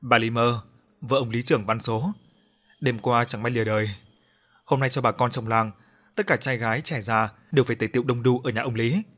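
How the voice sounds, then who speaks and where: A man's voice: mid-range voice, steady tone, brisk, fairly bright tone, close to an everyday voice. Pompous older village official, read by the male narrator; drowsy, commanding announcement.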